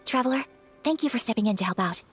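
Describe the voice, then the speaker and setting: An actress playing a gracious young noblewoman swordfighter in a video game, formal and precise, gentle but firm. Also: fairly high pitch, animated, quick pace, natural voice. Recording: music behind the voice.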